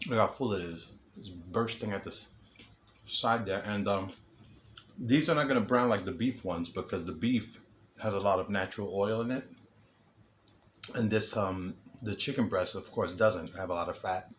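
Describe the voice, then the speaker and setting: A man's voice: fairly low pitch, moderate pace, a little hiss or hum. A man hosting a casual home cooking video, chatting and joking as he works and eats. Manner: chatty, joking, talks while eating. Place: home kitchen. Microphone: camera mic, no camera operator.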